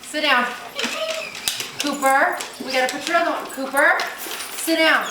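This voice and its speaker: A woman's voice: sits high, normal speed. A woman casually narrating a home video and talking to her dog, as a pet owner picked up on a camera mic. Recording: roomy, distant camera mic with heavy noise.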